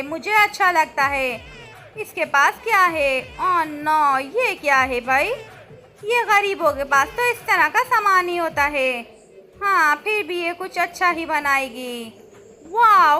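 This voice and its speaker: A woman's voice: high-pitched, bright, forceful tone. A woman narrating a cartoon and voicing its characters in an exclamatory, childlike way, with many cries of "oh no" and "wow". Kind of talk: playful cartoon commentary and character voices.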